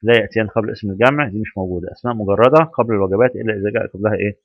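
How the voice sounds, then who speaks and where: Fast-talking Egyptian man teaching English. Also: lowish voice, no echo, dull audio. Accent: Egyptian Arabic. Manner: quizzing the listener with rhetorical questions; spells out English examples slowly. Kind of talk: grammar lesson.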